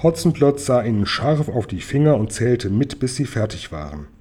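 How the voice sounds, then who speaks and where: A man reading a children's book aloud to a listener in calm storytelling narration. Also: mid-range voice, normal speed, breathy edge. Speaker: reader.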